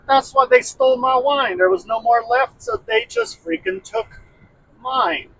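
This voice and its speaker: A man's voice: very high-pitched, wildly swooping pitch, unhurried, gravelly, fairly bright tone, distant mic, a little hiss or hum, voice pushed up, full character voice, low-quality recording. A man voicing a tipsy, pushy mother at a wedding party, with an exasperated, wheedling manner. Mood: annoyed.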